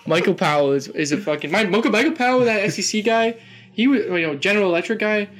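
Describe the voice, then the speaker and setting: A young man in casual chat with a friend, relaxed, giving short remarks with some casual swearing. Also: high-pitched, quick pace.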